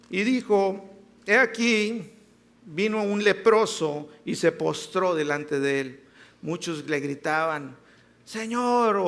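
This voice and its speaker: A male preacher delivering a sermon in church. His voice sits high and carries a gravelly rasp. He stays lively, slipping into quoted voices and driving points home with repetition. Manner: lively, acts out quoted voices, repeats words for emphasis.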